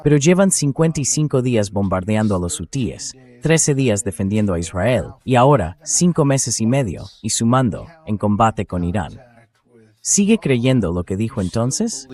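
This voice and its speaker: A political talk show host with a fairly low, darkish voice delivers emphatic, sceptical commentary at a moderate pace. His pitch swings widely, and he leans on pointed rhetorical questions.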